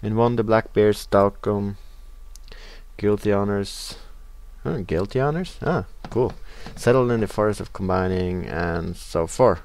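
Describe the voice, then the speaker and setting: The voice is on the low side, a little slow, with a darkish tone, belonging to a young Norwegian man hosting a let's play. He casually remarks on a computer game, reading the in-game text aloud and hesitating with many "uh" sounds.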